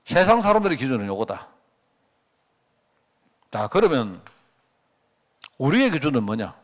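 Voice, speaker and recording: Unhurried and mid-range, with big swings in pitch, a middle-aged pastor gives a conversational sermon at a prayer meeting. He tells stories, acts out quoted dialogue, and asks the congregation rhetorical questions.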